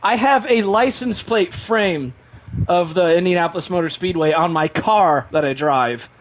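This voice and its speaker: A man live-streaming a racing game, chatting excitedly and rambling, repeating himself, short on sleep and running on caffeine. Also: sits high, moderate pace, a little hiss or hum.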